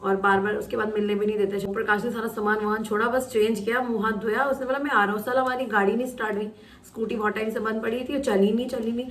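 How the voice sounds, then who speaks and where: Young woman vlogger, casual storytelling, animated, higher voice, a bit off-mic. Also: quick pace, recorded from a distance. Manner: animated, acts out quotes and shouts in retelling. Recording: roomy echo, voice off-mic.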